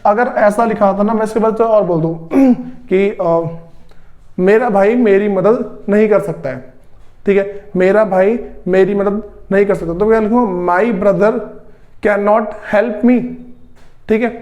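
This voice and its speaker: A Hindi-speaking man with a high, slightly mellow voice gives a spoken English grammar lesson to his students. He goes slowly, repeats every rule, and clears his throat repeatedly between steps.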